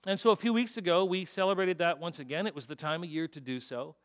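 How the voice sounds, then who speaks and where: A man's voice: on the high side, quick pace. A middle-aged man preaching a sermon to a congregation, conversational and joking, asking his listeners questions. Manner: conversational, self-deprecating humor with audience questions. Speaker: pastor.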